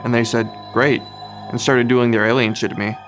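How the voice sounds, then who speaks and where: A man telling his story in a casual, indifferent, deadpan way for a mock testimonial. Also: medium pitch, fairly quick, faint music behind. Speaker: interviewee.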